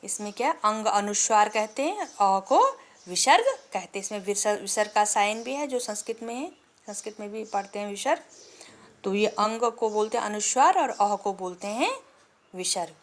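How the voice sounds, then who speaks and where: A woman's voice: medium pitch, lively intonation. Woman patiently teaching Hindi grammar. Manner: explains patiently, asking and answering her own questions; drawls vowel sounds slowly as examples. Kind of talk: classroom lesson to children.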